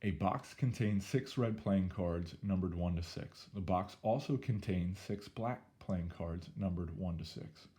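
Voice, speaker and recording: A hoarse male teacher with a very low voice walks through math problems at an unhurried pace. He keeps it casual and chatty in this recorded lesson. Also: mellow. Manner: casual, chatty, talks through each step. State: hoarse, losing his voice. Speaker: statistics teacher.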